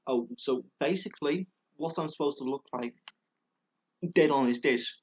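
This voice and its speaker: A vlogger with a mid-range, slightly breathy voice speaks at a moderate pace. His heated monologue wanders, packed with swearing, fillers, stumbles and repeated words.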